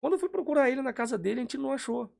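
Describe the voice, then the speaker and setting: A man's voice: very high-pitched, lively intonation, rapid-fire, gravelly, darkish tone. A man who is a church guest, telling a testimony in a fervent, emphatic way. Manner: fervent, emphatic preaching turns. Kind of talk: casual testimony chat.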